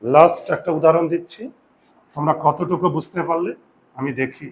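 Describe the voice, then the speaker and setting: A male teacher giving a classroom lesson, quizzing his students and drawing out sounds slowly. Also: on the high side.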